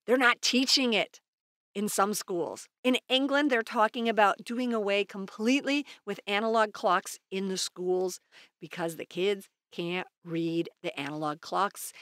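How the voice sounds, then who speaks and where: A woman's voice: medium pitch, fairly bright tone, no room sound, clean studio sound. A woman co-hosting a podcast, chatting casually and explaining ideas with everyday examples in an upbeat way. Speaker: podcast co-host. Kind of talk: casual chat. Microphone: studio microphone.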